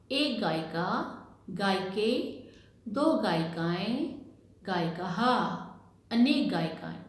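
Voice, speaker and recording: A woman teacher giving a patient Sanskrit lesson to children, calling them "beta" and drilling each word slowly. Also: on the high side. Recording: very echoey room.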